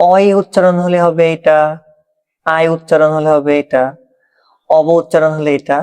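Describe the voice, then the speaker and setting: A man's voice: a little high, darkish tone. Bangladeshi man teaching, step by step. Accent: Bangladeshi Bengali. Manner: explains step by step, often checks "ঠিক আছে?". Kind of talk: exam-prep grammar lesson.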